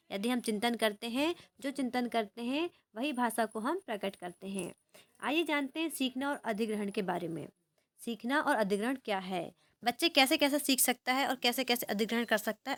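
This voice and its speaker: A woman's voice: on the high side, expressive, moderate pace, fairly bright tone, dry recording. A young woman teaching an exam-prep lesson, asking questions and answering them herself and repeating key words to help students remember.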